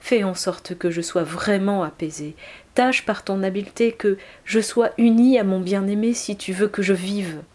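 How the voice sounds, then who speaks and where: A woman reading the lines of a lovesick young merchant's daughter in a soft, hushed way. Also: medium pitch, normal speed, lightly acted. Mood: despairing.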